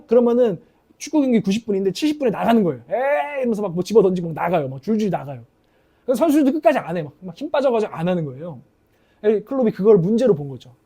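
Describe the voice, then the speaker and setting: A man delivers a sermon in an animated, storytelling way. His voice sits high and swings widely in pitch. The tone is deep-toned and mellow rather than bright. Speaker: pastor.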